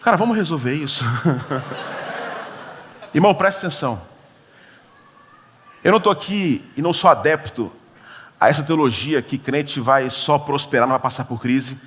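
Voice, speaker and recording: A man's voice: mid-range voice, normal speed, pauses often, a bit bright, a little hiss or hum. A male pastor preaching a sermon, telling a story with acted-out dialogue and humorous asides. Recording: church hall reverb.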